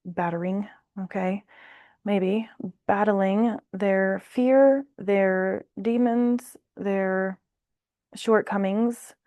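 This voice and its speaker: Woman, tarot reader, casual reading, blunt, exasperated, unhurried, dry close sound. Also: medium pitch, steady tone, mellow, dry recording, lo-fi sound. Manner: thinks aloud, blunt and exasperated.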